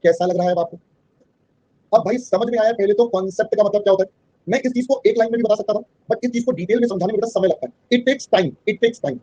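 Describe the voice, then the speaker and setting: Fast-talking man teaching an online class. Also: high-pitched, dark tone, lo-fi sound. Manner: keeps checking understanding, calls students "beta". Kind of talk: online class lecture mixing Hindi and English.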